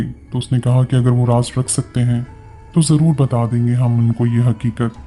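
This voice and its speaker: A man with a Pakistani Urdu accent reading a first-person story in a steady, earnest way. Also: medium pitch.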